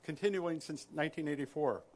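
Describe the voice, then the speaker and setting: A middle-aged man in the audience at a rally puts a halting question to the speaker. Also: a little high, darkish tone. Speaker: audience member asking a question.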